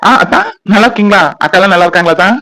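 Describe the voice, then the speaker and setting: A man's voice: sits high, rapid-fire, bright, forceful tone, low-quality recording. A man voicing a beaming new father. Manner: beaming, cheerful. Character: proud new father, warm older brother.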